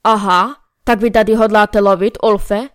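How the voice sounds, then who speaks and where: A woman voicing a short, cheerful man who asks polite but nosy questions, in a smooth, clear voice. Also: mid-range voice, fairly even intonation, dry recording, clean studio sound, close to an everyday voice. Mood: curious. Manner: friendly, politely inquisitive.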